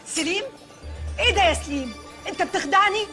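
An actress playing a haughty, indignant princess married to a pasha. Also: female voice, very high voice, fast, bright, forceful tone, faint music behind.

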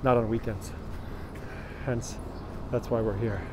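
A man in his thirties leads a live-streamed walking tour in a medium-pitched, steady, unhurried voice, greeting viewers by name as he goes. He's outside on a city street with his phone at arm's length, with street traffic in the background.

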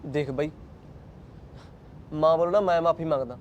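A man's voice: a little high, normal speed, lo-fi sound, a little hiss or hum, close to an everyday voice. A man playing a young husband who argues with his mother, speaking in a Punjabi accent. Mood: calm. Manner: heated, arguing. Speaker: son and husband. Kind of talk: acted family drama.

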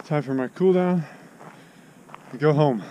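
A man in his thirties talking casually to a handheld camera outdoors while out on a run, pausing for effortful breaths. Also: a little high, warm tone, dull audio. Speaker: running vlogger. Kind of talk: casual vlog chat to camera. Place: outdoors on a park trail by a lake. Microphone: action camera at arm's length. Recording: clear outdoor background noise, handheld action camera.

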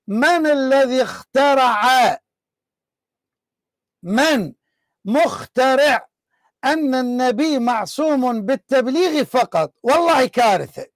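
A man presses his point in a heated live debate, his voice pitched very high and strained. He keeps hammering the same question. The sound is close and dry. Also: no room sound. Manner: forceful, insistent, repeats challenges. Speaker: debate show host.

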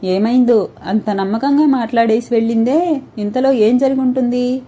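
A woman reading a love story aloud with steady, expressive narration. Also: on the high side, normal speed.

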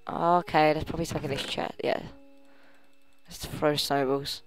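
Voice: mid-range voice, little pitch movement, moderate pace, faint music behind. A gamer giving casual commentary while playing, rambling and thinking aloud, often trailing off mid-sentence. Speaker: let's play gamer.

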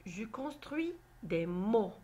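Slow, husky woman teaching phonics. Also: mid-range voice, very animated, mellow. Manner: slow, deliberate, spelling out syllables. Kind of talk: slow phonics lesson for children.

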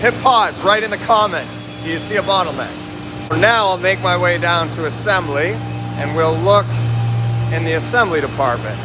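A man's voice: sits high, normal speed, noisy background. A man in his forties walks through a factory on a phone vlog, talking straight to viewers as a lean manufacturing consultant and quizzing them with questions. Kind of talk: walking factory-tour vlog. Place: large indoor factory warehouse. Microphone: phone held at arm's length, selfie framing.

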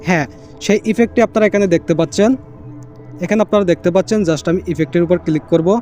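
This screen-recorded how-to features a high-pitched male tech host speeding through a phone app tutorial over soft background music. He sounds mellow and relaxed, going over every step more than once and sprinkling in English catchwords.

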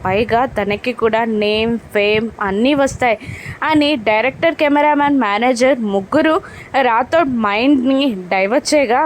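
A woman's voice: on the high side, normal speed, slight background noise. Woman retelling a soap episode. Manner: retells scenes, voicing quoted lines with a lift. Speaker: serial episode recap narrator. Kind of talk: storytelling recap of a TV serial.

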